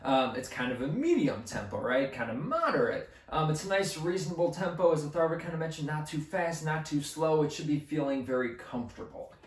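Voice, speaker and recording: A young man with a somewhat high voice walks through music basics in an easygoing, hesitant style. The room around him is echoey. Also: expressive, brisk, hardly any pauses. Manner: easygoing, with frequent ums. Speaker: co-host music teacher. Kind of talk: casual explanatory lesson.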